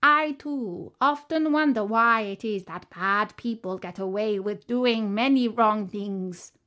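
A woman voicing a wise old male monkey who speaks in a measured, thoughtful way in a storybook. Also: mid-range voice, fairly bright tone.

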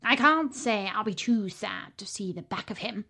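A woman's voice: mid-range voice, animated, normal speed, vocal fry, bright, forceful tone, husky, heavily acted. A woman voicing an older male zookeeper, blunt and exasperated, in a storybook.

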